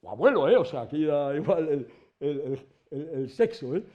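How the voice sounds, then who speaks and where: Brief: middle-aged male lecturer, Spain Spanish accent, colloquial and animated, slightly high voice with a wide swing. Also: normal speed, lo-fi sound. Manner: colloquial, animated, swears casually. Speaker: university lecturer. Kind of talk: informal lecture to students.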